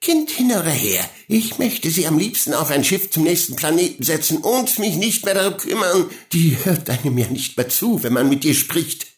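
A man's voice: fairly high pitch, big pitch swings, normal speed, hardly any pauses, voice pushed up. A man voicing a spiteful, aggressive adoptive mother in an audiobook, with venomous scolding. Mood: furious ranting. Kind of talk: audiobook character voice.

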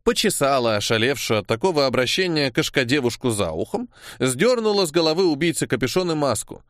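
A man's voice: a little high, fairly bright tone, no echo, studio quality. Man narrating an audiobook. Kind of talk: scripted narration.

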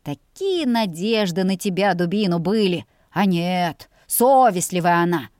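A woman's voice: fairly low pitch, lively intonation, a little slow, a little mellow, dry recording, studio quality. A woman voicing a crude, greedy teenage older brother who sneers and threatens. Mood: scornful. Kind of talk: audiobook character voice.

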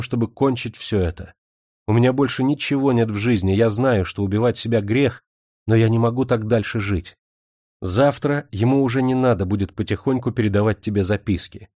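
A man's voice: on the low side, a little mellow, dry recording, clean studio sound, natural voice. A man voicing a despairing, jealous older sister, a young woman who speaks in anguished, pleading tones.

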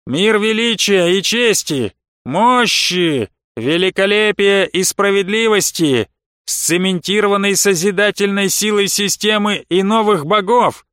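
A man voicing a pompous male faction leader who makes long, grand, slowly drawn-out speeches in an audiobook story. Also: high-pitched, fairly bright tone, clear, resonant tone, no room sound, studio quality, voice pushed up.

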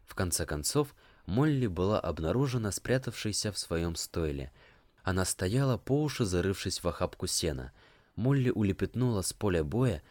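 Sex: man. Role: audiobook reader. Style: measured scripted narration. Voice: very deep. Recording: dry and close. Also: a little mellow, no echo. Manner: measured, storytelling.

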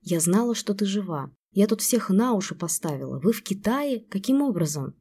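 A woman's voice: mid-range voice, lively intonation, normal speed, dark tone, husky. A woman reading a shaky, tearful young woman. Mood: emotional.

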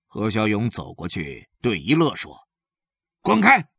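A man narrating a story aloud, with a lively, expressive reading. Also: moderate pace, husky, no room sound, studio quality. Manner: lively, expressive reading that swings widely in pitch. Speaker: audiobook narrator.

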